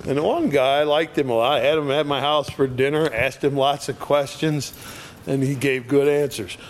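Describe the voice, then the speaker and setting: Older male preacher, unhurried delivery, plain sermon voice, acts out quotes. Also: medium pitch, a little hiss or hum. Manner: slow, conversational preaching with dramatic quoted voices.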